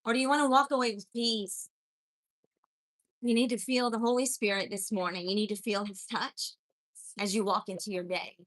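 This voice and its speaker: Bright-voiced woman hosting a faith livestream. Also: mid-range voice, fairly even intonation, normal speed. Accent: mixed accent from many places. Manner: earnest, encouraging, reads out viewer comments. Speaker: spiritual life coach and live-stream host. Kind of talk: live-stream chat greeting viewers and preaching.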